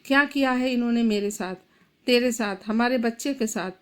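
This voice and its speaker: A woman's voice: a little high, normal speed, smooth, lightly acted. A woman voicing an enraged young husband. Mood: angry. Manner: shouting, accusing. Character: furious grieving young husband.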